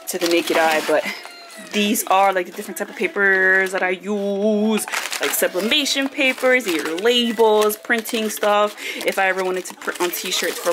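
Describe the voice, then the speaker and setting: A woman giving a casual, excitable room tour for her vlog at home. She is congested and talks in a chatty way, full of fillers. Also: medium pitch, noisy background. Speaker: vlogger.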